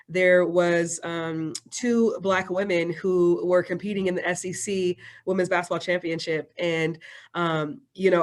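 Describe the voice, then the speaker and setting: A woman coach and doctoral student hosting an interview, asking long, upbeat questions in a talkative way. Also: lowish voice. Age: adult doctoral student.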